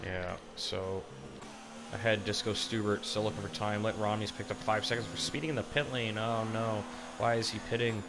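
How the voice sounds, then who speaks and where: A man's voice: on the low side, level tone, normal speed, noisy background. A man doing live, casually phrased motorsport commentary on an online race as the lead commentator. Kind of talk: live sim racing commentary.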